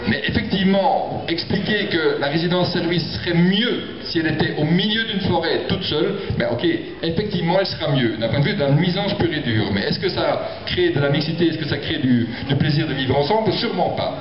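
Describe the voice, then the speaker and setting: A man's voice: fairly high pitch, expressive, a little fast, crowd noise. A man speaking as a developer at a public meeting, explaining himself with many stammered repetitions. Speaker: property developer presenting a project. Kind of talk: spontaneous argument at a public meeting. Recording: echoey, muffled hall with audience noise.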